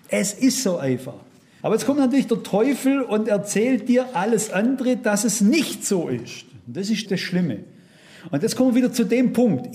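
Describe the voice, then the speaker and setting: Quoting and reading Bible verses aloud, a man preaches to his congregation and asks them many rhetorical questions. He speaks in a high-pitched, slightly mellow voice.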